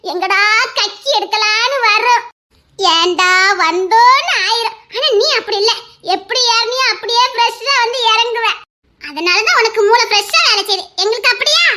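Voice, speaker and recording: A young woman, voicing a cheeky village woman in loud, laughing, bickering audio-drama banter. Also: extremely high pitch, normal speed. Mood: teasing.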